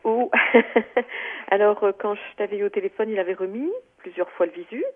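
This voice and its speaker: A woman's voice: mid-range voice, normal speed. A woman calling in to tell a personal story, talking hesitantly with many fillers and restarts. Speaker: caller. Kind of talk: phone-in personal account. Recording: tinny phone line.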